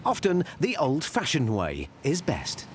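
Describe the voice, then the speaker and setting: A man's voice: fairly high pitch, wildly swooping pitch, a little slow. A man reading scripted narration for a documentary as its narrator. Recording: music behind the voice. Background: background music.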